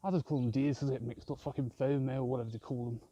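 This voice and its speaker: A man's voice: medium pitch, steady tone, fast, mellow, dry recording, lo-fi sound. A man rambling and swearing constantly as he films a vlog on a walk outdoors in a park with his phone. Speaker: vlogger. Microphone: handheld phone camera.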